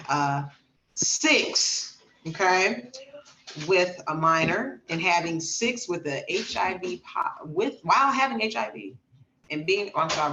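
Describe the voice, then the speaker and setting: Low-voiced and reverberant, with a little hiss or hum on the audio, this podcast co-host goes through news items. She responds with lively, emphatic storytelling in a relaxed conversational style.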